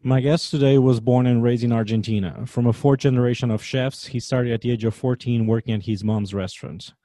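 A man's voice: medium pitch, steady tone, brisk, dark tone, no echo. A man from Portugal with a Portuguese accent, hosting a podcast interview with friendly, upbeat introductions. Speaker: podcast host and chef.

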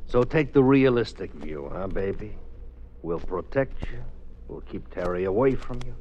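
An actor playing a slick, menacing show agent with mob ties in an old radio drama, smooth-talking and condescending. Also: male voice, on the low side, animated, normal speed, darkish tone, close to an everyday voice. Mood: coolly controlling. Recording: dull, noisy old radio recording.

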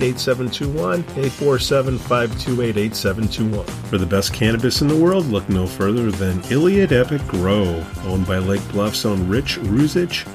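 A man hosting a podcast, reading scripted sponsor messages. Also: medium pitch. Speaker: podcast host.

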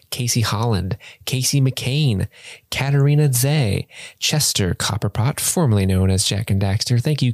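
A man's voice: lowish voice, darkish tone, no room sound, studio quality. A man co-hosting a casual podcast, playful and sing-songy, stumbling and joking as he reads out supporter names. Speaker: podcast co-host. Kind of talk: casual podcast chat and patron shoutouts.

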